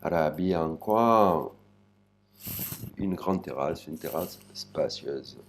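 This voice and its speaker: A man teaching a language lesson, slowly spelling out sounds and syllables one by one. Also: a bass voice, expressive, slight background noise. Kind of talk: spoken lesson.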